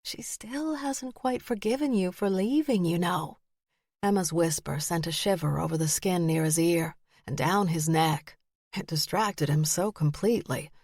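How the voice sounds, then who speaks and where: A woman narrating a historical romance audiobook in an expressive storytelling voice, lifting her pitch to act out the characters. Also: no room sound, studio quality.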